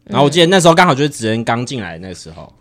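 A man's voice: medium pitch, big pitch swings, racing. A man with a Taiwanese Mandarin accent co-hosting a podcast, dropping dry, self-deprecating quips and filling in background details. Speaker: podcast co-host. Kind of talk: casual chat.

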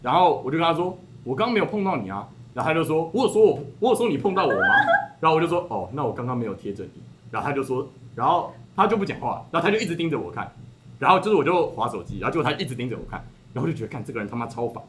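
A young man from Taiwan, a podcast host, telling a story in casual chat with animated delivery and frequent laughter. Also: mid-range voice, racing, slight background noise.

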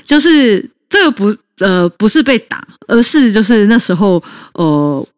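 A woman's voice: medium pitch, big pitch swings, unhurried, smooth, no room sound, studio quality. A woman with a Taiwanese Mandarin accent, co-hosting a podcast and telling a childhood story in a chatty way with many fillers. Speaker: podcast co-host.

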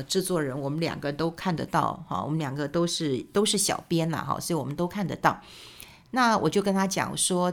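Lady host just chatting, kinda low gravelly voice, lots of little filler words. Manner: chatty, with frequent tag particles and fillers. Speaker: podcast host. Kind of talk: casual monologue.

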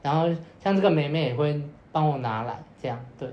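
A man's voice: fairly high pitch, animated, a little fast, dull audio. A young man, casually telling a long story on a podcast, rambling with repeated fillers and acting out what people said. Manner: rambling, many repeated fillers, acts out quoted lines. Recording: roomy echo with faint noise.

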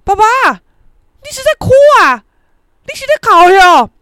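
Woman doing her mom yelling, shrill and high, sounds kinda far off. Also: very animated, moderate pace, clear, resonant tone, dry recording, clean studio sound. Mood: startled. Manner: shrill, shouting. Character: startled loud middle-aged mother.

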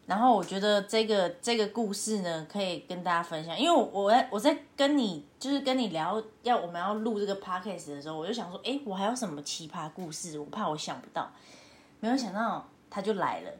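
Animated woman telling a story. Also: a little fast. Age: 30s. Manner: animated, laughing, acts out her own past lines in a high voice. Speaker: podcast host. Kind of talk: casual storytelling chat. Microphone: home remote recording.

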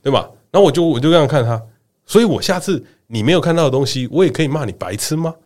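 A man with a Taiwanese Mandarin accent hosts a casual podcast chat. His voice sits a little high and swings widely in pitch. He teases his co-host and breaks into laughter often. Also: animated, fast, darkish tone.

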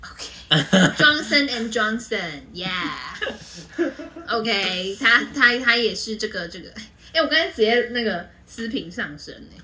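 A woman's voice: a little high, lively intonation, a little slow, pushed and bright, rough recording. A young woman with a Taiwanese accent hosting a casual group chat, with noise in the background. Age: young adult. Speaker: podcast host.

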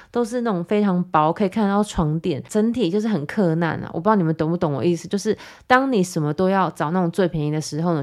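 A woman podcast host, telling a personal story in a chatty, animated way with sarcastic asides. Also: mid-range voice. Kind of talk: casual storytelling monologue.

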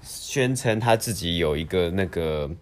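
Deep-voiced man. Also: animated. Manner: halting, repeats phrases, mixes in English words. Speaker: podcast co-host. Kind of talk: casual news discussion.

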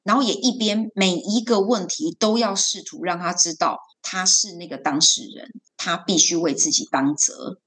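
A woman who is a guest coach and homeroom teacher recalls a talk with a student in a podcast conversation, acting out the quoted lines. Her voice sits on the low side and is a bit bright and slightly rough.

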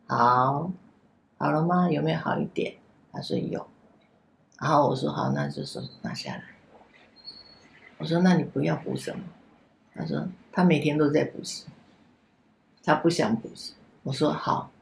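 A woman, an after-school center director, telling a story gently and vividly in a casual podcast chat. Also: sits low, big pitch swings, moderate pace, gravelly, pauses often, a little hiss or hum. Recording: echoey room.

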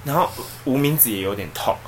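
A man, co-hosting a podcast and telling a story in a casual, animated way. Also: mid-range voice, a little fast, crowd noise. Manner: animated, acts out the people in his story. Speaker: podcast co-host.

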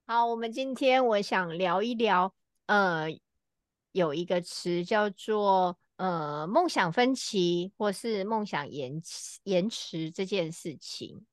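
A middle-aged woman co-hosting a casual podcast, telling a personal story with frequent filler pauses. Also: medium pitch, lively intonation, no echo, studio quality. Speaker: podcast co-host.

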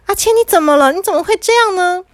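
A woman's voice: sits high, lively intonation, a little fast, a bit bright, dry recording, clean studio sound, voice pushed up. A woman voicing an anxious mother questioning her son. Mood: worried. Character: worried mother, fussing.

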